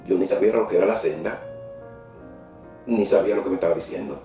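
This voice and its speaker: Animated man telling his testimony. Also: low voice, fast, roomy sound, distant mic, soft background music. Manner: animated storyteller, laughs often, repeats words when excited. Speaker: interview guest giving a faith testimony. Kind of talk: emotional personal testimony. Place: church.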